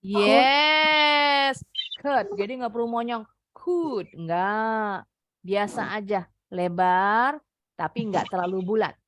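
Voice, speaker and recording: A woman's voice: mid-range voice, dry recording, clean studio sound. A young woman from Indonesia teaching an online English class to children, drilling words over and over and coaxing the pupils. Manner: drills words, repeats them slowly, coaxing. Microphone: computer mic on a video call.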